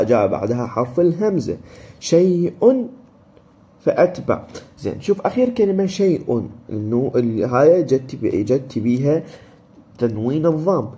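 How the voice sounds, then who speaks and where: A man's voice: mid-range voice, warm tone. A man with an Iraqi Arabic accent teaching a recorded lesson on recitation rules, explaining step by step and answering his own questions.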